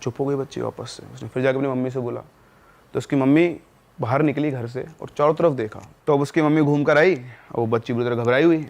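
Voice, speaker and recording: Give me a man with a middle-pitched voice telling a spooky story, quiet at tense moments. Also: fairly even intonation, brisk, creaky. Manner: conversational, drops voice at tense moments. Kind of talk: casual spoken horror storytelling.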